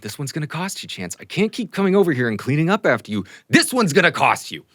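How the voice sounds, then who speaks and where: Ranting little halfling tradesman, pitched high and fast with exasperation, a man doing the voice. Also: very animated, fairly bright tone, no echo, studio quality. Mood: exasperated. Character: grumpy put-upon male halfling spellcaster.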